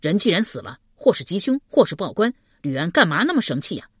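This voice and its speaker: A woman's voice: fairly low pitch, big pitch swings, fast, husky, no echo, studio quality. A woman voicing an easygoing male scholar who talks in a breezy, teasing way. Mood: puzzled, brisk.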